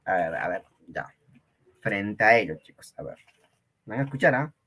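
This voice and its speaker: A man's voice: on the low side, sing-song, moderate pace, bright, forceful tone. A man with a Peruvian Spanish accent teaching an online Quechua class, joking with his students and laughing often.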